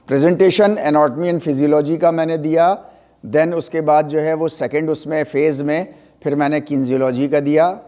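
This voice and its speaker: A man's voice: fairly high pitch, mellow. A middle-aged man lecturing an anatomy class, mixing Hindi and English and often checking that students follow. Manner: mixes Hindi and English, spells terms letter by letter; stresses pronunciation, asks checking questions. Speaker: anatomy teacher.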